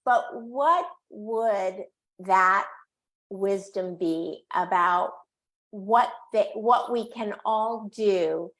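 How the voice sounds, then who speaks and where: An older woman hosts a conversational interview in a mid-pitched voice. She encourages her guest and takes her time building long, wordy questions. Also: extremely slow, a bit bright. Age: 60s or older. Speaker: interviewer, host.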